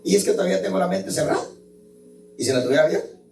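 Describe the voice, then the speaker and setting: A man's voice: high-pitched, very fast, a little mellow. Fervent male pastor in an echoey hall. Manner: emotional, fervent preaching that calls listeners "brother". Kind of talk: sermon. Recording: echoey and distant, some room noise.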